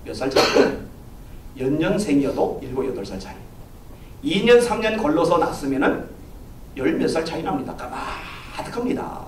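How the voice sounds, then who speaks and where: A pastor preaching a sermon, telling a story with lively swings of voice and acting out the people in it. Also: male voice, a little high, normal speed, slight background noise. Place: church sanctuary. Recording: echoey church, from far off.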